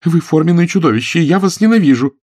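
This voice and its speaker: A man voicing a haughty, sharp-tongued young woman in an audiobook, speaking in a high, mocking, snippy way. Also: sing-song, fairly quick, breathy edge, no room sound, clean studio sound. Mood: indignant. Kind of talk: audiobook character voice.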